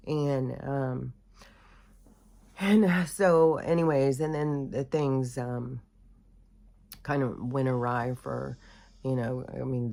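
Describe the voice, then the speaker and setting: A woman's voice: a bass voice, a little mellow. A middle-aged woman from the United States telling a personal story in a rambling, candid way, full of fillers and self-corrections. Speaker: host. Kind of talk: casual storytelling monologue.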